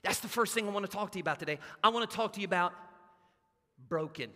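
A man preaches in a church, his voice unusually high and bright. He tells his story with animation, and long reverb from the sanctuary trails each phrase. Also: fast. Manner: animated storytelling, acting out quotes. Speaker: pastor. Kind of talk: sermon with personal story.

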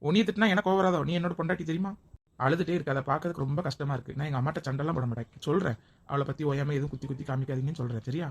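Woman voicing a caring young husband, low and very fast. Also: slightly rough, lo-fi sound. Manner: gentle, reassuring.

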